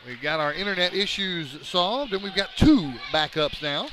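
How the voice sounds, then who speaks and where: Play-by-play man, high voice, noisy gym, excited calls on big plays. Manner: rapid excited calls that rise on big plays, joking banter in lulls. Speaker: play-by-play announcer. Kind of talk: live basketball commentary.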